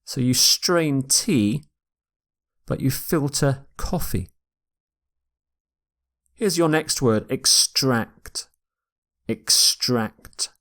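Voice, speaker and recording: A man teaching English vocabulary in a recorded lecture, repeating each word slowly and carefully for pronunciation. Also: mid-range voice, animated, fairly bright tone. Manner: slow, deliberate, repeats words for pronunciation.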